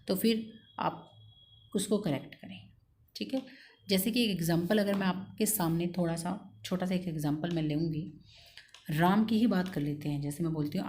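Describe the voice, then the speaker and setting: A woman's voice: fairly low pitch, warm tone, a little hiss or hum. A woman teaching an English grammar lesson in a patient, coaxing way, repeating key points and checking in with her students after each one.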